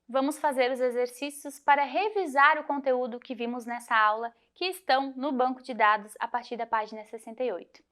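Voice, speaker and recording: A woman teacher guiding students through a grammar lesson, clear and methodical, slowing to spell out example words. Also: high voice, bright, forceful tone. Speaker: Portuguese teacher. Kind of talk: recorded lesson walkthrough.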